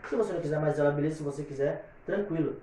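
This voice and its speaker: Podcast guest: man, rambling and opinionated, dark tone, heard from a distance in a roomy space. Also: fairly high pitch, rapid-fire, a little hiss or hum. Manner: opinionated, rambling, repeats fillers. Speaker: guest singer. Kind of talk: casual podcast chat. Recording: very echoey room, distant mic.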